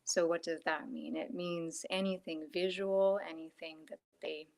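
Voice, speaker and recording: A woman Reiki practitioner talking casually on a phone video call from home, soft-spoken with lots of fillers, sometimes dropping to a whisper. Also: fairly low pitch, fairly even intonation, unhurried, gravelly.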